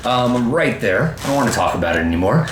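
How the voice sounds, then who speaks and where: Speaking fast at a medium pitch, this man in his thirties coaches youth baseball and co-hosts a casual podcast. He's animated and emphatic, acting out quotes and quoting himself in asides. The recording has a roomy echo and faint background noise.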